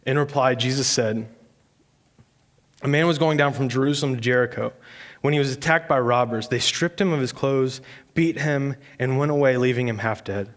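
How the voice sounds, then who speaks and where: A man's voice: medium pitch, normal speed. A young man preaching a sermon in a church, telling a personal story in a casual, self-mocking way with laughs, then turning to scripture. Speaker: pastor.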